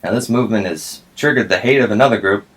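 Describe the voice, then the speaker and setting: A man's voice: fairly low pitch, fast, a bit bright. A man reading scripted satirical news in a dry, mock-serious anchor voice.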